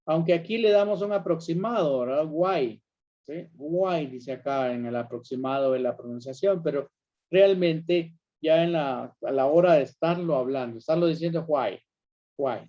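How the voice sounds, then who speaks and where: A man's voice: on the high side, moderate pace, mellow, lo-fi sound. A man teaching a class, patiently explaining grammar and repeating examples while checking that students follow. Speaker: English teacher.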